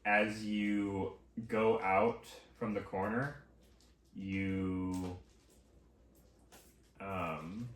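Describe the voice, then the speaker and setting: A man narrating as game master in a slow, halting way with many pauses and fillers. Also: deep voice, steady tone. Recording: roomy, distant mic with faint hiss.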